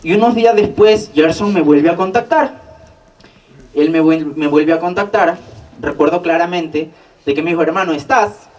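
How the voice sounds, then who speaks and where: Young Peruvian man, slightly higher voice. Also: moderate pace, distant mic. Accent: Peruvian Spanish. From Peru. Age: young adult. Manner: animated storyteller, repeats phrases for emphasis. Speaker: interview guest. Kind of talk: personal life story told in conversation.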